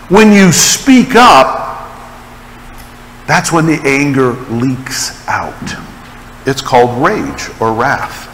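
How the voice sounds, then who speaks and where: A man preaching a sermon, telling stories with an animated delivery and dramatic pauses. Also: mid-range voice, big-room sound, slight background noise, rough recording. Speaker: pastor.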